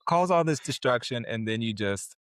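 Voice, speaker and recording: A man's voice: medium pitch, animated, normal speed, no room sound, studio quality. A man co-hosting a podcast, reacting with playful teasing and jokes, then introducing a segment. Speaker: podcast co-host. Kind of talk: casual podcast chat.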